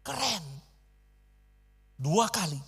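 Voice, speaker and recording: Male pastor, middle-aged; high, animated storytelling sermon. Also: extremely slow, creaky, husky. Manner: animated, acts out dialogue with big swings in loudness.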